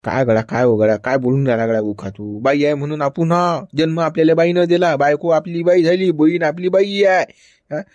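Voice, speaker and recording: A man lectures and chides in comic village banter, tossing in "hm?" to prod his listener. His voice sits a little high. The sound is dry and close. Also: steady tone, fairly quick, a little mellow, no echo, muffled recording. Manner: lecturing, chiding, with frequent "hm?" prompts. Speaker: cartoon character voice.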